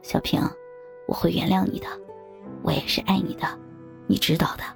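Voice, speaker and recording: A woman doing a low, murmuring young husband. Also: wildly swooping pitch, normal speed, gravelly, soft background music, full character voice. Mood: tender. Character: soft-spoken young village husband, coaxing.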